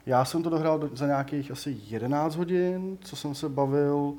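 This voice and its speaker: A man's voice: on the high side, steady tone, mellow. Rambling Czech-speaking male podcast host. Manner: rambling, heavy use of fillers. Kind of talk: casual chat about video games.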